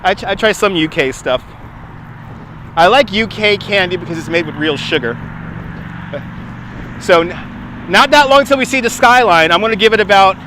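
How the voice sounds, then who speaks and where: Filming on a phone mounted to a handheld gimbal, this man with a New York accent hosts a live walking stream on a waterfront, chatty and quick to laugh as he answers viewers. His voice sits high with a sharp tone. There's slight background noise.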